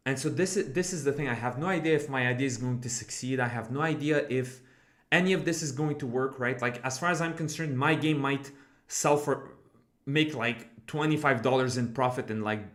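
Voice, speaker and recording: Streaming live from his home room, this man in his twenties speaks with a medium pitch, his voice bouncing with reverb. He responds to his chat in a loose, meandering way, peppered with fillers and swearing.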